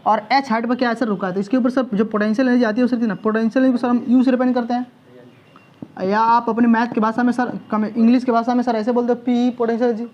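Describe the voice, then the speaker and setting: A man's voice: very high-pitched, little pitch movement, quick pace, lo-fi sound. A male physics coaching teacher lecturing a class in a chatty, teasing manner, constantly checking whether students follow. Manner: teasing, chatty, peppers speech with "sir" and check questions.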